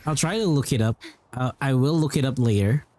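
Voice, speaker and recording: A male game streamer chats casually in a livestream, rambling informally and often repeating phrases. His mid-range voice is brisk and dark, with no room sound.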